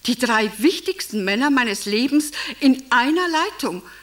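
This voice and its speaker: An actress playing a vain, gushing, middle-aged wife who was once a stage actress, speaking in a theatrical radio drama with wide swings from cooing to brooding. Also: female voice, sits high, lively intonation, a little slow, a bit bright. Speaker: radio drama monologue lead. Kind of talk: German radio drama acting.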